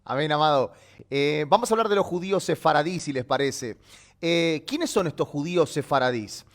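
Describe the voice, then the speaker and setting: A man with a high voice teaches a live online Bible lesson. He explains patiently and stops often to check that his listeners follow. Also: animated, normal speed.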